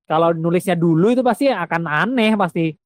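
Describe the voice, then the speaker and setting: Reflective man, slightly high voice. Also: no room sound. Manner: reflective, halting, many restarts and fillers. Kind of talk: casual podcast conversation.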